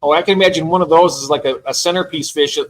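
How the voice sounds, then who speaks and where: Man, stream host, casual chat, enthusiastic, slightly high pitch. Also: steady tone, fast talker, low-quality recording. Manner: enthusiastic, chatty, trails off. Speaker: livestream host.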